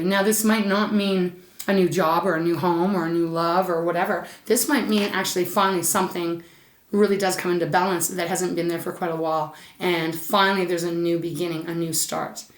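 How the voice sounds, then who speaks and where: A woman with a lowish, fairly even voice does a casual tarot reading at a brisk pace in a reverberant space. She is chatty and soothing and calls the listener "Saggy," and her voice sounds a little scratchy and stuffed up.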